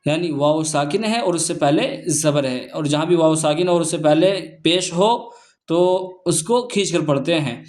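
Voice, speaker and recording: A man teaching Quran reading, spelling out letters and vowel marks slowly, then explaining the rules quickly. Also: fairly high pitch, a little mellow. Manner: slow chanted recitation of syllables, brisk explanations between.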